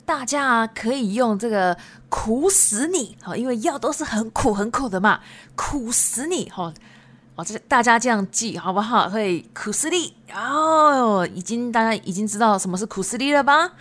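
A woman teaching Japanese vocabulary on a podcast, patiently repeating each word slowly and filling pauses with little prompts. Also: a little high, expressive, a bit bright. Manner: patient, repeats words slowly, many fillers.

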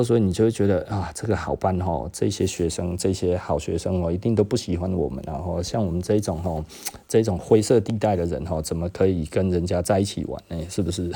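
A podcast host with a deep, mellow voice shares casual personal stories, chuckling often and tagging nearly every phrase with a drawn-out "hm".

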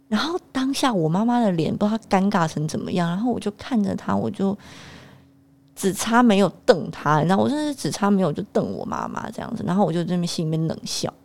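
A young woman tells a personal anecdote straight to camera. Her voice sits in an ordinary middle register, and her delivery is animated and openly exasperated. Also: mid-range voice, quick pace, vocal fry. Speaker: vlogger. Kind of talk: storytelling to camera.

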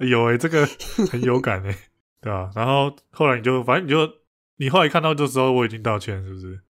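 A man's voice: medium pitch, expressive, fast talker, a bit bright. A man co-hosting a podcast, casually retelling an argument with frequent laughs and restarts. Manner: laughs often, retells a fight with many restarts. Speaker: podcast co-host. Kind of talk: casual chat.

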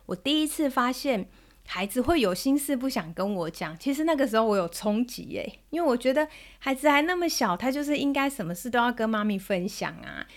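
A woman in her thirties with a Taiwanese Mandarin accent, hosting a parenting podcast and telling a story about her child in a gentle manner. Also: a little high, lively intonation, a little fast. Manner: gentle, soothing when quoting herself to her child. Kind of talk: storytelling monologue.

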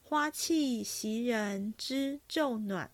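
A woman voicing a refined young male opera actor, reciting in a slow, measured way. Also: on the high side, no echo. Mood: graceful.

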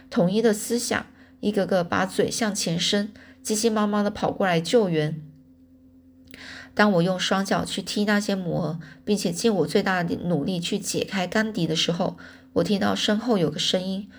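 A woman reading a novel aloud as a storyteller, casually adding her own explanations. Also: medium pitch. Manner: casual, adds spoken explanations to the text.

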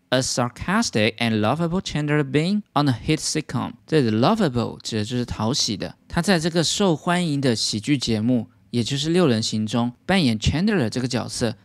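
A man's voice: medium pitch, no echo, studio quality. A man teaching English vocabulary as a patient lesson, explaining words step by step.

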